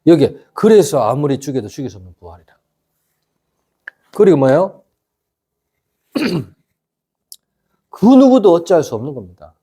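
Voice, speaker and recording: A middle-aged pastor preaching a casual youth sermon, constantly asking the congregation whether they agree. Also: male voice, a little high, very animated, unhurried, long pauses, dark tone, breathy edge. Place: church youth service.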